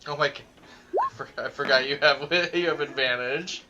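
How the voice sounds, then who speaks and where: A man narrating as game master of a tabletop game in a relaxed, chatty way. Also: fairly high pitch, moderate pace, highs cut off, loud music behind the voice. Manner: relaxed, chatty, laughs often.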